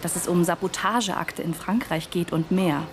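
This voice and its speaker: In a naturalistic radio drama, an actress plays an earnest, polite young woman in the wartime resistance who is chatty and eager, with a candid mood. Her fairly low voice moves at a moderate pace, lightly acted, with a little hiss or hum in the recording.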